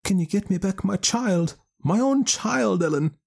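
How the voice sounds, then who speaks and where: Man doing a frantic peasant mother, very high shrill voice, loud, pleading. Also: animated, a little slow, vocal fry, exaggerated voice. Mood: desperate. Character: grieving peasant mother, young woman, anxious.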